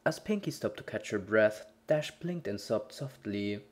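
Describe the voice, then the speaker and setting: A woman with a very deep voice for her sex reads a horror story from a script, narrating in a dramatic style. Her delivery is animated yet unhurried.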